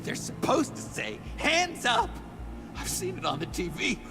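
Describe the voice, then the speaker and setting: A man's voice: very high-pitched, wildly swooping pitch, measured pace, over music, full character voice. An actor in a video game playing an unhinged, nervous man who stammers guilty excuses as if caught in the act. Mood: agitated, distraught.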